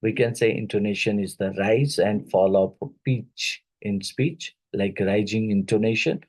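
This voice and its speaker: A man with an Indian English accent gives an exam-prep phonetics lecture, going through worksheets step by step and often checking in with "right?" and "isn't it?". His voice is fairly low with fairly even intonation, and he speaks a little slowly.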